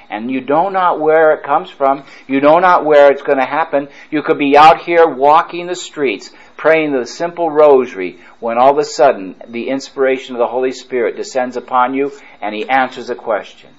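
A priest preaching a retreat sermon, fervent and emphatic, drawing his phrases out slowly. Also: mid-range voice, dull audio.

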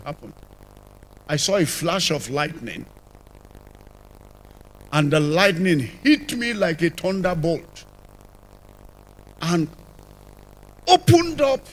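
An older Nigerian-accented man, a church apostle, gives his conversion testimony as a sermon in a large church. Speaking into a handheld microphone with a fairly high voice, he swings suddenly between loud and soft.

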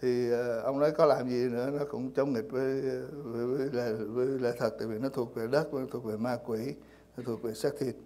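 A man's voice: mid-range voice, steady tone, brisk, mellow. A man preaching a sermon in church, speaking hesitantly with many fillers and repeated words. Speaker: pastor.

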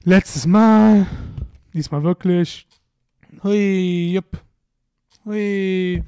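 A young man talking through a video game in an unhurried way, with a slightly high voice. He exclaims often and mutters to himself between the cries. His voice is recorded close and dry, with no room sound. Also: warm tone, dry recording. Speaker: let's play commentator. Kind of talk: casual gameplay commentary.

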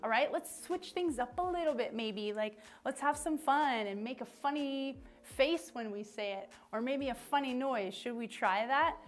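A woman's voice: high voice, normal speed, hardly any pauses. Upbeat woman teaching little kids. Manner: chatty and encouraging, with playful asides. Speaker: children's ministry teacher. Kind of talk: upbeat lesson for young children.

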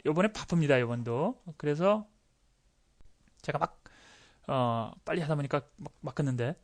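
A fairly high-voiced man teaching a recorded pronunciation lesson. He gets excited, repeats each word many times with exaggerated mouth sounds, and chuckles at himself. He is heard close up on a desk microphone. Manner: animated, drills words over and over with exaggerated sounds; excitable, laughs at himself and apologizes.

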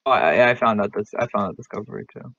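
A man's voice: lowish voice, fast talker, creaky, pushed and bright, dry recording. A man chatting casually as a co-player in an online game. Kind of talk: casual gaming chat. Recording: muffled lo-fi mic, keyboard clicks.

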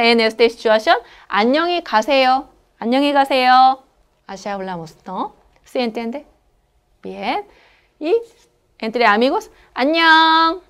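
Korean woman teaching, clear and patient. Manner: slow, patient explanations with frequent checking questions; says Korean phrases brightly and quickly, then drops her voice low for comments. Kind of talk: language lesson.

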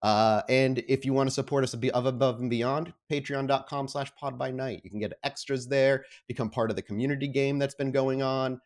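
The host and game master of a tabletop roleplaying show speaks with informal enthusiasm, first making casual announcements and then narrating the game. His voice is medium-pitched, his intonation fairly even, and he talks fairly quickly with few pauses.

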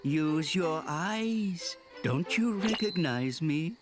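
A man's voice: fairly high pitch, animated, takes it slowly. A man voicing a small baby male Titan who talks like a grandfatherly old man, doting and old-fashioned, in game cutscene audio with music behind. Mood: fond, teasing.

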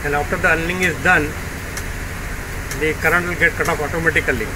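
A man giving slow, step-by-step instructions while demonstrating a machine in a workshop. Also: fairly high pitch, steady tone. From India. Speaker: product demonstrator. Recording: noisy workshop recording.

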